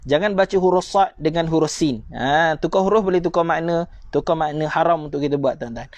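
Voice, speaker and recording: A man's voice: a little high, a little mellow, no echo. Malaysian male Quran teacher, patient drills. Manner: drills sounds by repeating, addresses viewers as "tuan-tuan"; chants the verses slowly and drawn out. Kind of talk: live online Quran reading lesson.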